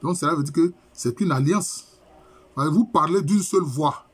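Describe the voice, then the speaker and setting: Husky-voiced professor explaining terms. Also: male voice, fairly high pitch. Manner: explains terms slowly, repeating key phrases. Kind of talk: university lecture.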